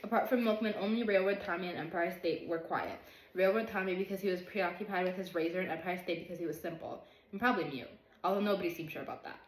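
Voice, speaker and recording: A woman's voice: lowish voice, fast talker. A woman reading a novel aloud carefully, sometimes stumbling on hard words. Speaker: reader. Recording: roomy echo.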